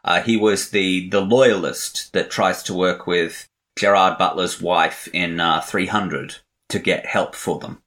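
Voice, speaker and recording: Recording a podcast, this man co-hosts a casual movie chat, wandering through strong opinions with many filler words. His deep voice is fairly bright and unhurried, with fairly even intonation.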